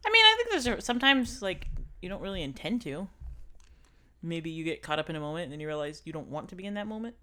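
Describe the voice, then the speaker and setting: A woman's voice: fairly low pitch, big pitch swings, quick pace, bright, forceful tone. A woman speaking frankly and chatting along in a casual candid conversation.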